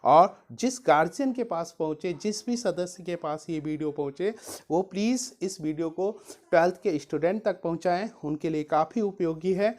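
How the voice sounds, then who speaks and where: With a fairly low, slightly mellow voice and a moderate pace, a woman physics teacher explains how to study a chapter for exams. Calling her audience dear students, she weaves in English science terms and keeps highlighting the important topics in this study-guide lesson.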